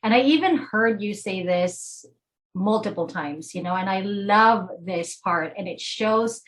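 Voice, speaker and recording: A woman with a Filipino accent speaks at a middle pitch as a podcast co-host. She sounds eager and affirming, and her talk is loose, chatty and full of "you know". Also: unhurried. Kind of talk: casual faith-based podcast talk.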